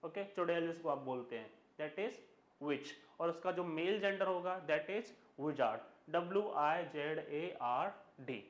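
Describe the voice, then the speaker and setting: A man gives a grammar lesson at an unhurried pace, his voice sitting fairly high. He asks the class questions, answers them himself, and spells each word out letter by letter. The room is echoey. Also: animated. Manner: mixes Hindi and English, spells words out letter by letter. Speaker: English grammar teacher. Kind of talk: classroom lecture.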